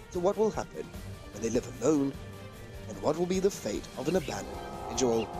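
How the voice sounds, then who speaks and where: A man reading scripted narration for a wildlife documentary. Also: medium pitch.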